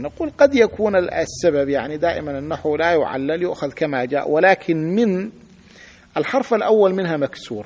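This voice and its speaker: Man, sheikh, grammar lesson, patient, repeats examples, quizzes students, husky, long hall reverb. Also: a little high, darkish tone.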